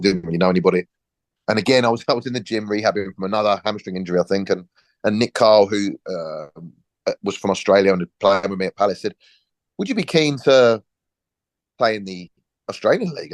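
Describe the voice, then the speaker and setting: Brief: man in his 40s, ex-footballer guest, quick lively anecdote teller, slightly low, dry close sound. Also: no echo. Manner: lively storyteller, acts out quoted dialogue, frequent restarts. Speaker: podcast guest, former professional footballer. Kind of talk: relaxed anecdotal storytelling.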